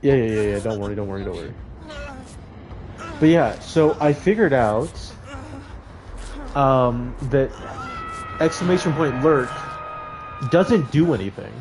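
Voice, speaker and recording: A man's voice: medium pitch, expressive, measured pace, pauses often, music in the background. A young man streaming a game, joking with his chat and laughing between calls to his teammates. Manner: joking, talks to chat while playing, laughs often. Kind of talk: casual gaming stream chat.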